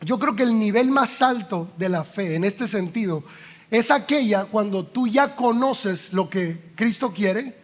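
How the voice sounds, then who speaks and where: A man with a Mexican Spanish accent, preaching a lively sermon as pastor, acting out quotes and asking the listeners questions. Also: high voice, measured pace, soft background music. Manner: lively preaching, acts out quotes with playful voices and rhetorical questions.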